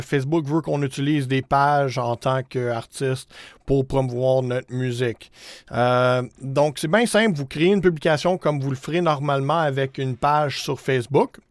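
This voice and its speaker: A man's voice: on the high side, clear, resonant tone, no room sound, clean studio sound. A man in his thirties with a Quebec French accent, hosting a casual screen-share tutorial in an informal, hesitant way with English words mixed in. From Canada. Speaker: music promotion tutorial host.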